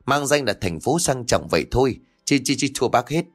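A man voicing a cheeky young man, pleading and flattering in a quick, whiny way. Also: mid-range voice, faint music behind.

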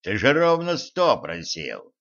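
A man voicing an old male house spirit who grumbles slowly in a folksy way. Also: medium pitch, huge pitch swings, gravelly, a bit bright, dull audio, full character voice. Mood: grumbling.

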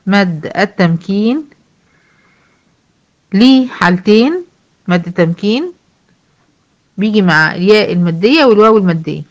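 Woman, Egyptian accent, Quran recitation teacher, casual explaining, slow recited examples. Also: medium pitch. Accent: Egyptian Arabic. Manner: explains rules, then recites verses slowly; asks students questions and answers them herself. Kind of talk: tajweed lesson with recited examples.

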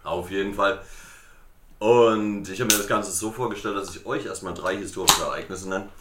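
Male podcast guest and quizmaster, very deep bass, bright edge, casual chat, roomy echo. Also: normal speed, very noisy. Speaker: podcast guest playing history expert and quizmaster. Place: indoor room at a table. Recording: roomy, echoing room sound.

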